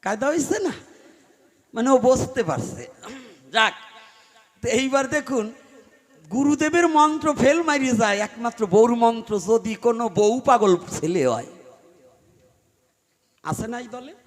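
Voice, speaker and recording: A man delivering a devotional storytelling sermon to a large gathering, moving from loud pleading to quiet, low asides. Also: animated, unhurried, pauses often. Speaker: preacher. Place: live gathering before a large crowd.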